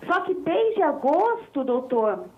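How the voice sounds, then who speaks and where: A woman's voice: high-pitched, big pitch swings, slow. A woman in her forties calling in over the phone to ask a doctor a question, speaking hesitantly. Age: 40s. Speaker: caller. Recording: tinny phone line.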